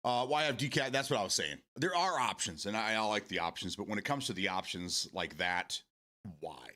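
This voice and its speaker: A man's voice: fairly low pitch, animated, a little fast, bright, forceful tone. A man in his forties hosting a casual morning stream, rambling, repeating words and swearing casually as he answers viewer comments. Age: 40s.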